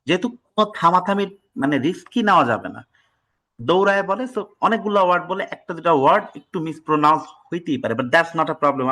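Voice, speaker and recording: Guy from bangladesh running an online test prep class, voice a bit on the high side, mixes english in, scolds students sometimes. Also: sharp tone, rough recording. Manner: reads practice passages aloud slowly and deliberately.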